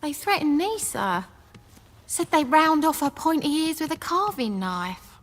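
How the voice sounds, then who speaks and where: A woman's voice: high voice, sing-song, unhurried, long reverb tail. A woman playing a moody townswoman in a fantasy video game. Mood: upset.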